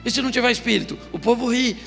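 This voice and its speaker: A middle-aged Brazilian pastor giving a comic sermon in a church, bursting into shouts and acting out voices. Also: male voice, very high-pitched, very fast, gravelly, in a large hall, soft background music. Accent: Brazilian Portuguese. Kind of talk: humorous Pentecostal sermon. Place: church hall.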